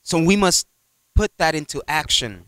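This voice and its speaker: A man's voice: on the high side, expressive, moderate pace, a bit bright, dry recording. A man preaching a conversational sermon in a church, rambling through retold exchanges and peppering his talk with "you know.".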